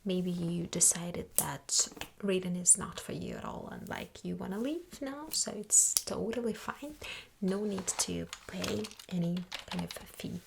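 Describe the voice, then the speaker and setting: A woman acts out a sassy, dismissive female librarian in a soft ASMR ASMR role-play. Her library soft voice is slow and breathy, sinking into creaky fry, with halting pauses between phrases. Clear background noise sits behind the voice. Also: fairly low pitch, animated, exaggerated voice. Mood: sassy, indifferent.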